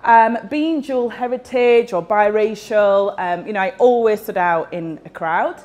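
A young woman from West Yorkshire, England gives a casual, chatty talk at a tech meetup, speaking into a handheld mic in a large event space with lots of fillers. Her voice is medium-pitched and a bit dark in tone, and her pace is measured.

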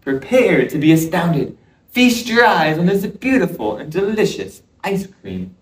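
A man doing a booming squirrel showman. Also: sing-song, unhurried. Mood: showy. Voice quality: booming showman delivery, drawn out. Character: showy young male squirrel magician. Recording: roomy sound from a distance.

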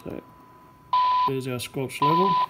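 Working slowly at an indoor electronics bench, a radio repair presenter talks through each step of a hands-on repair in a mid-range voice. Workshop noise, clicks and test tones fill the noisy recording.

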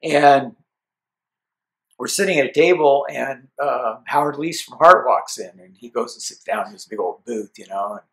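An easygoing middle-aged storyteller from Seattle, USA, looks back on his early amp-building days, performing the lines he and others said. The low-quality recording carries his mid-range voice at a normal speed.

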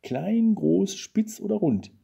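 A man's voice: big pitch swings, a little slow, warm tone, husky, lo-fi sound, exaggerated voice. A man voicing an impatient, curious wife who pleads and pushes in a raised, insistent voice. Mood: pleading. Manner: higher-pitched, pleading and insistent.

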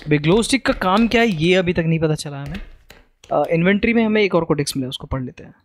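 High-voiced young man playing horror. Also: expressive, quick pace. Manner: jumpy, swears, mixes Hindi and English. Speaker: gaming streamer. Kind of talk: horror game commentary.

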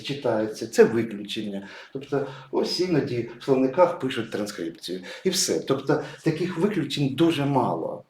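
A man with a mid-range, darkish voice patiently teaches English pronunciation at a whiteboard, writing out words and stressing each example. The sound is roomy.

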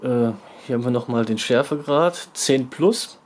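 Casual male vlogger, medium pitch. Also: moderate pace, a little mellow. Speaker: host of an online video channel. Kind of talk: casual product review vlog. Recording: faint background noise.

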